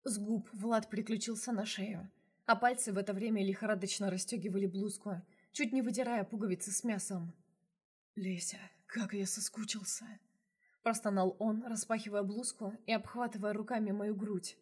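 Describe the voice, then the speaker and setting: A woman's voice: mid-range voice, steady tone, a little fast, breathy edge. A woman reading a first-person novel aloud as an audiobook narrator, in an intimate storytelling manner.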